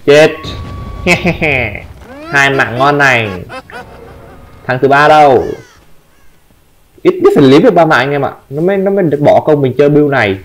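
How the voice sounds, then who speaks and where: A Vietnamese-accented man commenting on his own gameplay, taunting opponents and breaking into excited shouts. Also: fairly high pitch, normal speed, long pauses. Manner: trash-talking, taunting, sudden excited shouts. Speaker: gameplay streamer.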